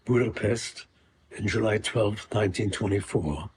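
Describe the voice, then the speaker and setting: An older man from Hungary recounts his early years at an even, reflective pace. His voice sits somewhat low, and he pauses often between phrases as he remembers. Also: a little hiss or hum. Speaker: Holocaust survivor telling his story. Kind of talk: personal recollection.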